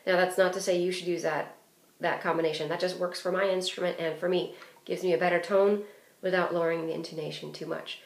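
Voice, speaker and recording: Speaking fairly quickly in a lowish, steady voice, this woman teaches clarinet, covering phrasing and fingerings with a hands-on approach and plenty of filler words. Her instructional lesson is recorded with a roomy echo.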